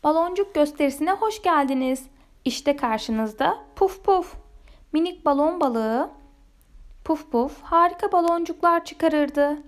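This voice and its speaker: A woman reading a children's storybook aloud in a gentle, expressive way. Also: high voice, measured pace.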